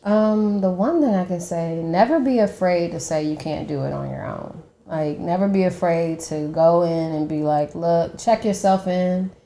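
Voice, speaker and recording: A woman's voice: fairly low pitch, normal speed, few pauses, warm tone, a little hiss or hum. A woman talking as a podcast guest, open and earnest, often quoting what others said. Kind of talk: candid conversation. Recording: roomy echoey room.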